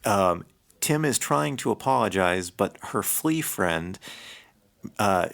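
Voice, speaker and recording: A man's voice: on the low side, animated, takes it slowly, vocal fry, fairly bright tone. A man co-hosting a casual podcast, talking through a film in a laid-back, wry way. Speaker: podcast co-host. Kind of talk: casual movie review chat.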